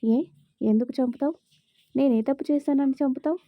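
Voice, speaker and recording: A female narrator voices a resentful young husband in this audio story. He talks with sharp sarcasm and a wounded, brooding edge. The voice sits fairly high and the recording is dry and a little muffled. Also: steady tone, brisk, no room sound. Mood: sarcastic.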